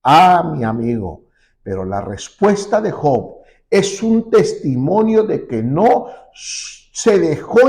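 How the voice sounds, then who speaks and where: Slow, lively-pitched Mexican preacher man. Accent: Mexican Spanish. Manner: preaching with dramatic pauses and sudden rises. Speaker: pastor. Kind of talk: sermon.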